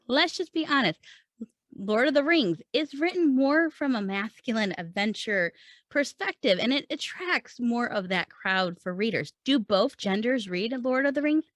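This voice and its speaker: Slightly high and fairly bright, this woman's voice comes through with no room sound at all. She's a podcast host and writing coach giving an informal instructional monologue, explaining things one step at a time and posing questions to listeners before answering them.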